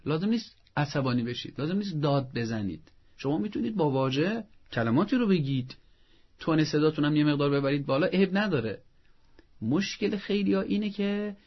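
Male advice expert for a talk show, husky voice, patient and instructive, muffled broadcast quality. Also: mid-range voice. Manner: calm, instructive, lists steps and examples.

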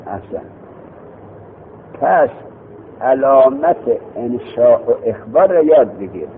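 A man with a fairly high voice teaches a seminary grammar lesson, quizzing his students and repeating their answers back. The recording is tinny and lo-fi, like a phone, with a little hiss or hum.

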